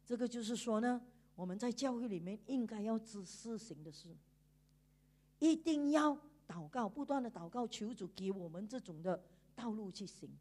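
Woman preacher, high voice, animated sermon, laughing often, emphatic endings, church. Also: moderate pace.

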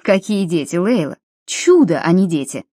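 A woman reading an audiobook, voicing a cheerful, smooth-talking middle-aged male dentist in a slightly lowered voice. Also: moderate pace, dry recording, clean studio sound. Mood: flattering. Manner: genial, flattering, slightly lowered voice.

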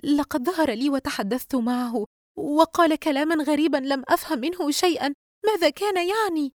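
A woman voicing a frightened young woman in an audiobook, speaking in a high, strained, urgent way. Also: animated, fast, darkish tone, no room sound, studio quality, close to an everyday voice. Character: frightened young woman Yusra, tense and panicky.

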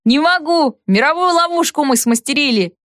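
A woman playing a giddy excitable man, raised and bouncy. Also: sits high, moderate pace, dry recording, studio quality, pitched above the performer's own voice. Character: excitable man laughing at his own trap.

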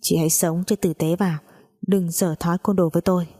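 A woman's voice: lowish voice, brisk, natural voice. Woman voices a self-assured young manager, cool and cutting; audiobook. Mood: cold. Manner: calm, cutting.

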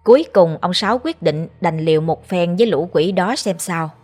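A woman with a Southern Vietnamese accent narrating a ghost story in a steady, measured way. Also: fairly low pitch, soft background music.

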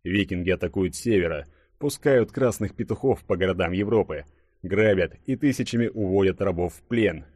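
A man reading an audiobook in a dramatic, measured storytelling manner. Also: low voice, a little mellow, breathy edge, no echo, studio quality. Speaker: audiobook narrator. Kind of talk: scripted audiobook narration.

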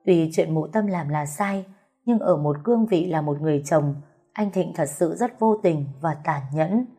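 Mellow woman reading a story. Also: lowish voice, normal speed, faint music behind. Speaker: narrator.

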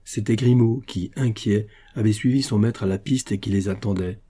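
Guy reading a classic novel aloud, slow and steady, really dark husky tone. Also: fairly low pitch. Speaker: audiobook narrator. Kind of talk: audiobook narration of a classic novel.

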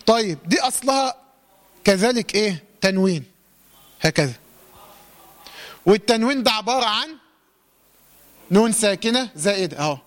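A man's voice: high-pitched, lively intonation, moderate pace, pauses often. A man with an Egyptian accent teaching Quran recitation rules, asking questions and answering them himself. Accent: Egyptian Arabic. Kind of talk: tajweed lesson.

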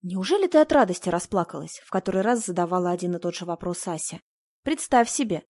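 A woman narrating a first-person audiobook in a measured, inward-looking way. Her voice is at a middle pitch for a woman and sounds dry and close to the microphone, with no room echo. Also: darkish tone.

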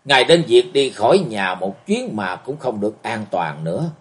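A man's voice: lowish voice, very animated, normal speed. A man voicing a cold, lecturing old martial healer in a storybook reading. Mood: worried.

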